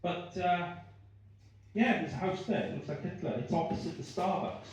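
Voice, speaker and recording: A man's voice: sits high, normal speed. Echoey Welsh stand-up man, Swansea accent. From Swansea, Wales. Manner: rambling, self-deprecating, sweary. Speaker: stand-up comedian. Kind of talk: stand-up comedy with audience banter. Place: live comedy venue with small audience. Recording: very echoey room, distant mic.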